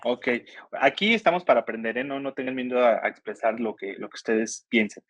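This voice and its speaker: A man's voice: mid-range voice, lively intonation, fairly quick, a bit bright, dry recording, muffled recording. A man teaching an online writing workshop, patiently explaining grammar step by step and asking his students questions. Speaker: workshop instructor.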